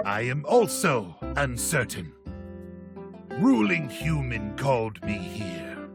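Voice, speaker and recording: An actor voicing a formal, literal-minded robot who is puzzled by humans, speaking stiffly in a robotic voice. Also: male voice, mid-range voice, big pitch swings, vocal fry, full character voice. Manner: stiff, literal, halting speech. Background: guitar music.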